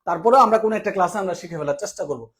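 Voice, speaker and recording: A man from Bangladesh, teaching an accounting lesson quickly and quizzing students questions he answers himself. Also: sits high, lively intonation, a bit bright. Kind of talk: fast exam-prep lecture.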